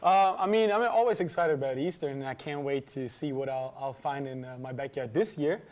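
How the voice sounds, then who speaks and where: A man's voice: mid-range voice, a little fast. A man hosting a student TV magazine, chatty, interviewing a guest and introducing items, with stumbling restarts. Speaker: host and interviewer.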